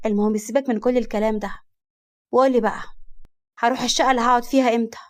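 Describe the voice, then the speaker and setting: A woman's voice: fairly high pitch, fairly even intonation, very fast, a little mellow, lightly acted. A woman voicing a brash, sarcastic young woman with an Egyptian accent. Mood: sassy. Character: sassy sharp-tongued young woman.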